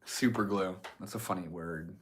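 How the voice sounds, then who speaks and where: With slight background noise behind him, a young man with a stuffy nose reads chat on his stream in a low, slightly bright voice at normal speed. He's easygoing, talks with his viewers, and swears a lot.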